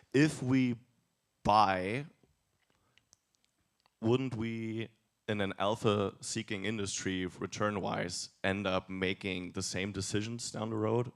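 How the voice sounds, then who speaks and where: Man, audience question, polite, direct, lowish voice. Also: fairly even intonation, takes it slowly, long pauses. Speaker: audience member asking a question.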